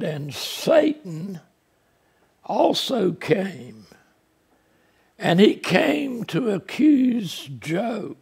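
Speaking through a lapel mic from the pulpit of a small church, an older pastor delivers a folksy, plainspoken sermon. His voice is high-pitched and husky, with vocal fry.

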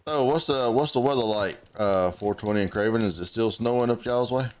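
Grumbling and cursing freely at the video game he's streaming, this man talks casually with friends between stretches of play. His voice is mid-range and fairly quick, typical of a gaming streamer's laid-back let's-play commentary.

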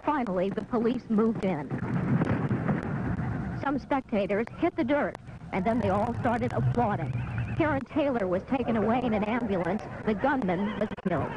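A woman's voice: on the high side, animated, moderate pace, highs cut off. A woman narrating a scripted TV news report, heard on warbly old tape. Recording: warbly warped 1980s tape, clear noise.

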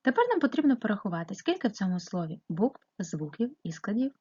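A woman's voice: medium pitch, sing-song, fast talker, a little mellow, husky, dull audio. A woman teaching a primary school class remotely, explaining step by step and asking patient questions. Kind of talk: remote lesson narration.

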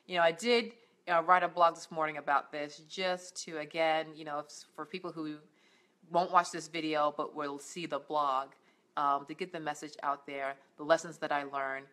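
Earnest woman with a deep, bright voice. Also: fairly even intonation, moderate pace. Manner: earnest, encouraging, many fillers and restarts. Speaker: life coach. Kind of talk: faith-based motivational vlog. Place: indoors at home, on a couch.

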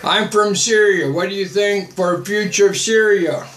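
A man's voice: high-pitched, normal speed, fairly bright tone, echoey room, soft background music. An older man, a missionary, hosting a home livestream, answering viewer comments in a blunt, repetitive way from a small home office. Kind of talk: livestream preaching and chat. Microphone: webcam at desk.

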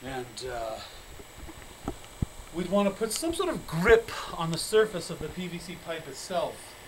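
A man casually demonstrating a homemade prototype, talking in halting bits with fillers and restarts. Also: on the high side, very animated, background noise. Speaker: hobby builder demonstrating a prototype. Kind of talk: casual home-video demo. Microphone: handheld camera mic.

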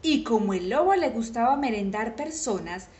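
Lively woman reading a children's story. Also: a little high, moderate pace, echoey room. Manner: animated, with sudden shouted exclamations.

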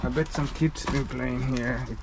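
An urban explorer, a native Finnish speaker, wanders an abandoned house outdoors, thinking aloud in casual commentary and often restarting his sentences. His medium-pitched voice has fairly even intonation and a normal speed. The camera audio is noisy.

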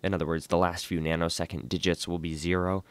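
A man teaching programming with a low, smooth voice, talking into a desk microphone. He sounds tired and thinks aloud, filling pauses with "um" and "uh" as he slowly reads out lines of code. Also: flat delivery, no room sound. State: tired and yawning. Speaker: programming tutorial host. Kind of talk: casual screen-recorded coding lesson.

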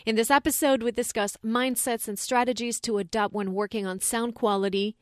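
A woman's voice: on the high side, fairly even intonation, fairly quick, no echo, clean studio sound. A woman hosting a podcast, enthusiastically reading a guest's introduction and asking questions. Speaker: podcast host. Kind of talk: podcast interview.

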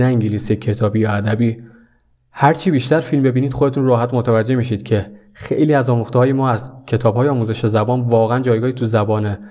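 A man's voice: mid-range voice, dark tone. A young man giving a video lesson as a language teacher, speaking straight to viewers in a friendly, earnest way. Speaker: English teacher.

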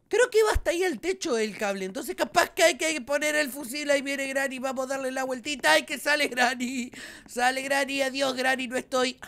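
Young Argentine man, gaming commentary; high and very lively, jumpy, yells at scares, chats to viewers. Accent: Rioplatense Argentine Spanish. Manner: excitable, shrieks and yells when startled, talks to viewers. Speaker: gaming YouTuber. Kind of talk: live gameplay commentary.

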